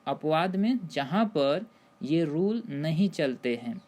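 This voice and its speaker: A woman's voice: sits low, animated, a little mellow. A woman teaching English pronunciation in Hindi, spelling words out letter by letter before saying each one and repeating the rules for her viewers. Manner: spells out letters slowly, then says each word. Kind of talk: Hindi-language spelling lesson.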